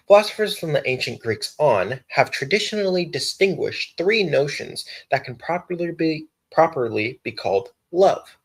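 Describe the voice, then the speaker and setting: A man's voice: medium pitch, slightly rough. A young man on a casual live stream, reading a philosophy text aloud, stumbling over words, restarting lines and breaking off for slangy asides.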